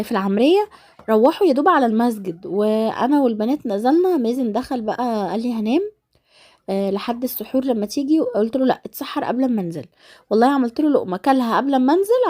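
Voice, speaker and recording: Casting: female vlogger, Egyptian Arabic accent, blocked-nose nasal sound, fairly high and mellow, rambling casually to followers. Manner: rambling, familiar address to followers. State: stuffed-up nose and throat. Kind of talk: casual chatty vlog voice-over.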